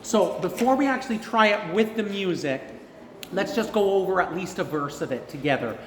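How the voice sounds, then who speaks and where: A man with a high, animated voice leads a choir rehearsal at normal speed, explaining things in an informal, encouraging and self-deprecating way. The room is echoey and reverberant, with piano music and slight background noise.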